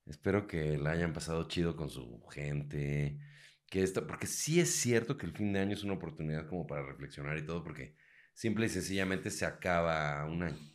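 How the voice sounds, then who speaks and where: Un hombre con acento mexicano, invitado de un pódcast, que charla de forma juguetona y usa mucha jerga. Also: male voice, a bass voice, brisk. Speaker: podcast guest. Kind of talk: casual chat.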